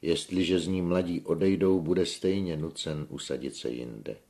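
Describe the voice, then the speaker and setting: A man reading as a calm, persuasive young man. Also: sits low, lightly acted.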